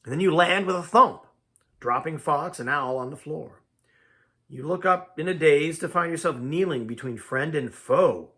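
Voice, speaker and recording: A man reading a choose-your-own-adventure book aloud in a dramatic, animated way. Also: fairly high pitch, moderate pace. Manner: dramatic, shifting pace and volume. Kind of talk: animated storybook read-aloud.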